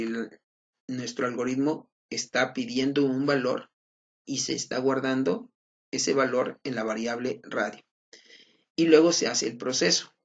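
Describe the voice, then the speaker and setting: A man's voice: mid-range voice, gravelly, slightly rough. A man teaching a recorded class, patiently explaining slides and checking in with his students. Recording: dull lo-fi recording.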